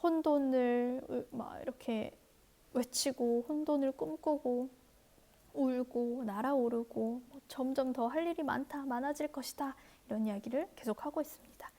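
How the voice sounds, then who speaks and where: A woman teaching English, reading a novel aloud very slowly, often in a soft whisper, then explaining it in quick, chatty asides. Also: high voice.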